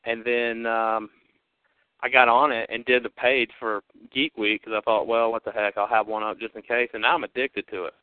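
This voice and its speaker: A man's voice: medium pitch, flat delivery, normal speed, clear, resonant tone, no room sound. A man hosting a podcast, talking casually over a phone line with chatty, rambling energy. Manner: chatty, upbeat, rambling with fillers. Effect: heard over a phone line. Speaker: podcast host. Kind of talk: casual chat. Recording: narrow phone-line sound, dry.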